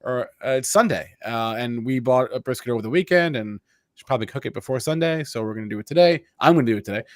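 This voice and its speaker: A man's voice: medium pitch, animated, fast talker, dry recording. Casual male co-host, mid-range voice, dry studio mic, easygoing banter. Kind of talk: casual chat.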